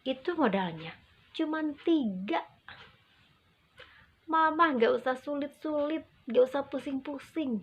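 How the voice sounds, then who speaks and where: A woman gives instructional talk to parents as an early childhood educator, over-enunciating with deliberate, emphatic phrasing and short pauses. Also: sits high, animated. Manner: acts out parent and child quotes. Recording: muffled, dull lo-fi audio.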